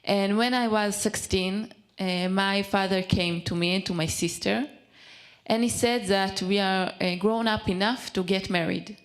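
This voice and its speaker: Young israeli woman telling her story in english, hebrew's her first language, lots of ums and restarts, medium pitch. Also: fairly even intonation. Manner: halting, searching for English words, many fillers and restarts. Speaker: speaker at a community event. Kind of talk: personal testimony.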